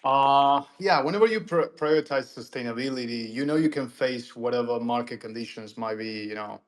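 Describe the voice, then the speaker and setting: Male panel guest, mid-pitched, loose casual talk, heavy on "you know". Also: a little fast. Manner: filler-heavy, repeats "you know" and restarts.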